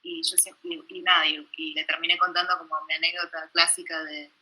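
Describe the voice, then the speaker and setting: A young woman with a Buenos Aires accent, a documentary filmmaker giving an informal, self-deprecating talk over a video call, halting with many restarts. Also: on the low side, level tone, bright, forceful tone, slightly rough, poor audio. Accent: Buenos Aires Spanish. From Buenos Aires, Argentina. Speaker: documentary filmmaker presenting her work.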